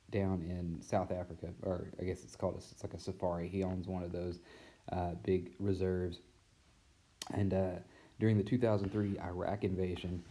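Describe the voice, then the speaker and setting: A man with a deep, dark, mellow voice talks through a casual recorded mini-lesson. He teaches physics and rambles easily, filling pauses with "uh" and "like." It sounds like it was recorded on a tablet's built-in mic. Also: a little hiss or hum. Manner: relaxed, rambling, many fillers.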